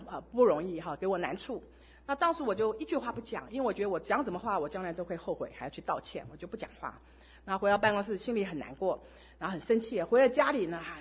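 A woman's voice: medium pitch, breathy edge, highs cut off. A woman sharing an earnest testimony in a sermon, telling stories and exhorting listeners. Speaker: church speaker sharing testimony.

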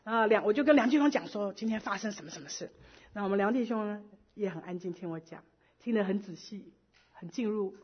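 A middle-aged woman giving a personal church testimony in lively storytelling style, slipping English words into her speech. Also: medium pitch, fairly quick, slightly rough. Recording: dull lo-fi recording.

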